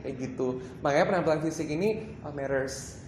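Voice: mid-range voice, a little fast, a little mellow, slight background noise. A workshop presenter giving a casual training talk to a small group, chatty, with many fillers and English phrases mixed in. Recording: roomy echo.

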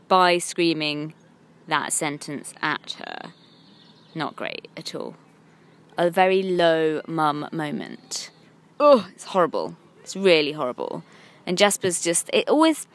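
A woman in her thirties with an English accent, talking candidly to camera from a parked car, rambling and self-critical. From England. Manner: frank, rambling and self-critical, with lively swings in pitch. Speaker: vlogger. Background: passing cars.

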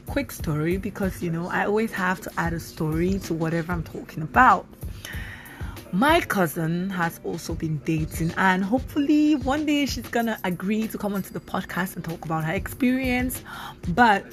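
A woman in her thirties hosting her own podcast, talking casually and animatedly with plenty of fillers. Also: medium pitch. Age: 30s. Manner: chatty, animated, with many fillers. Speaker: podcast host. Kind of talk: casual solo podcast talk.

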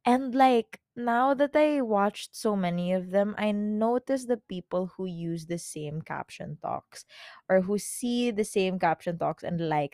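A woman in her twenties with a Filipino accent, hosting her own podcast in a casual, rambling chat full of fillers and quick self-corrections. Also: lowish voice, warm tone, no room sound, studio quality. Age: 20s. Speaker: podcast host.

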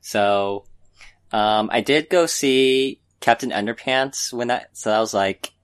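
A podcast co-host with a clear, resonant, medium-pitched voice speaks slowly in a casual chat. He offers informal film opinions hesitantly and in a meandering way.

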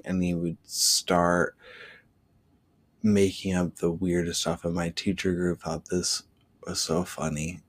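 A deep-voiced man hosting a solo podcast, talking through a personal story in a loose, casual way. He swears freely and leans heavily on filler words as he rambles on. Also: breathy edge. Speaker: podcast host.

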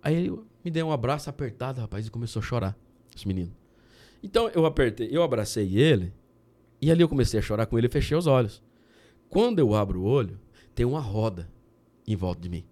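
A man from Brazil, a guest on a podcast, telling a personal story in a casual, animated way and often saying "cara". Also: medium pitch, quick pace. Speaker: podcast guest, candy entrepreneur.

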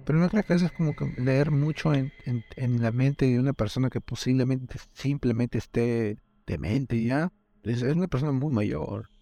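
A man in a casual film chat, animated and jokey, acting out little quotes. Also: medium pitch, moderate pace.

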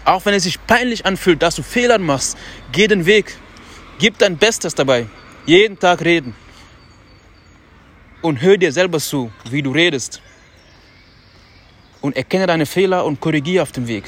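Loud, slangy man outdoors. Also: fairly high pitch, lively intonation, unhurried, long pauses. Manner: loose and self-talking, slangy asides; speaks loudly on purpose. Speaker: podcast host. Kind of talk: casual motivational monologue. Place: outdoors on a city street.

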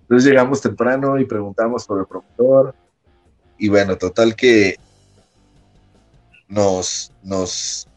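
A man with a Mexican accent, a wrestler guest casually telling an anecdote, animated and often laughing as he acts out the people in it. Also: lowish voice, takes it slowly, long pauses, faint music behind, rough recording. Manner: lively storyteller who acts out quoted people in a raised voice and laughs often.

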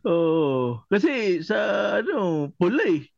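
A man's voice: sits high, sing-song, slow pace, a little mellow, no room sound, lo-fi sound. A man co-hosting a podcast in casual chat, giving short replies and laughing often. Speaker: podcast co-host.

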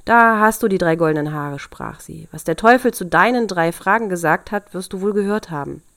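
A shrewd, kindly old grandmother, voiced by a woman reading a storybook aloud speaks in a soothing, coaxing way. The voice sits a little low, and the sound is dry and close. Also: a little fast, fairly bright tone, no echo. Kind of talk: fairy-tale reading.

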